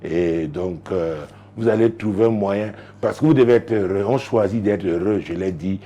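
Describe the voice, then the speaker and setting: A male pastor giving marriage advice in a lively talk show, telling stories with frequent laughter and sudden excited rises in his voice. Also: moderate pace. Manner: animated, joking, laughs often, rises sharply in pitch when excited.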